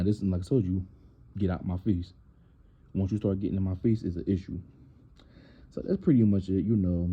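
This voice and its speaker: A man's voice: low-pitched, breathy edge, dull audio. A man hosting a casual reality TV recap, blunt and opinionated, livening up when he quotes people.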